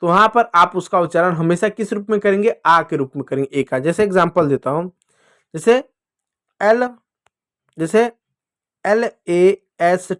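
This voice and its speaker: Male teacher, high voice, dry close sound, patient children's phonics lesson. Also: a bit bright, dry recording. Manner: patient, repeats and asks pupils questions.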